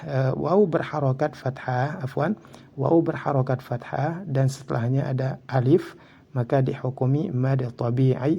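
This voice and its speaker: A man's voice: medium pitch, gravelly, dark tone. A man with an Indonesian accent teaching Quran recitation rules, explaining each rule and then reciting examples drawn out. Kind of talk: tajwid lesson with recited examples.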